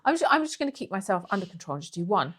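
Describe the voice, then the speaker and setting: A woman chats on a podcast, blunt and ranting about her pet hates. She laughs often, and her voice sits in a middle pitch. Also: big pitch swings, very fast, fairly bright tone, breathy edge. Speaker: podcast co-host. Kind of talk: casual podcast chat.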